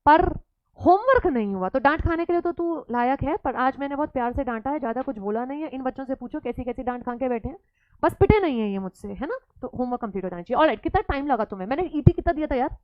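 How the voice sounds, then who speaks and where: High-voiced woman teasing her class. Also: lively intonation, fast, dull audio. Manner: teasing, scolding students playfully; mixes Hindi and English. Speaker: teacher. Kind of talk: classroom lecture.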